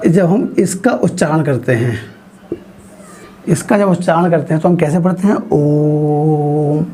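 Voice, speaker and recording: A man teaching a grammar lesson, explaining slowly and asking his students frequent questions as he writes on a board. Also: a little high, lively intonation, dark tone, slight background noise. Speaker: Hindi teacher.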